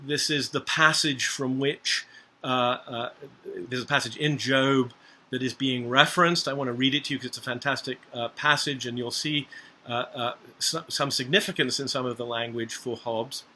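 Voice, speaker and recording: A man's voice: fairly high pitch, sharp tone. A middle-aged man from Scotland giving a university lecture, hesitating often with filler sounds and checking in with "right?". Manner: hesitant, many filler sounds and tag questions.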